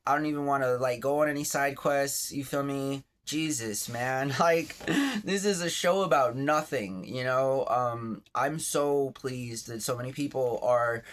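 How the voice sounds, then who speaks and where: A man in his thirties with a medium-pitched, fairly bright voice talks unhurriedly while hosting his own vlog from his bed at home, having just woken up. His monologue rambles in a chatty, self-deprecating way and is full of asides.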